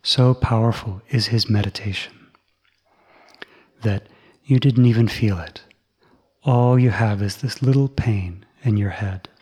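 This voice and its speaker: A man's voice: lowish voice, unhurried, pauses often, a little mellow, husky. A man as an awed, caring monk friend.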